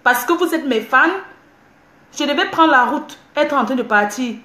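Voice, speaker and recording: A woman's voice: sits high, animated, moderate pace, sharp tone. A woman, ranting defiantly on a livestream from home, repeating herself indignantly. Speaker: social media livestreamer. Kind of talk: heated livestream rant. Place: at home, indoors. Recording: echoey room.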